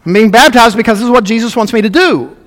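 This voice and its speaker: Pastor, male, higher voice, emphatic earnest sermon delivery, long hall reverb. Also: fast talker, a bit bright. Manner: earnest, emphatic preaching with repetitions.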